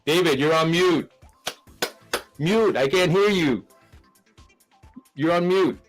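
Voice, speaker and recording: A man's voice: fairly high pitch, slow pace, soft background music, rough recording. A man hosting a live stream, talking casually with many restarts and a nervous laugh.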